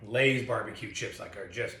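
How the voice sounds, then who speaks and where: A man's voice: on the low side, moderate pace, gravelly, sharp tone. Man in echoey room, munching chips. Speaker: co-host of a snack taste test. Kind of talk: casual chat while tasting food. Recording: echoey room with faint noise.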